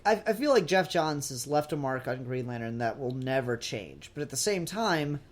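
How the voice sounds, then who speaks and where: This podcast co-host has a slightly high, slightly mellow male voice. He chats casually and informally about pop culture, mainly comics and TV.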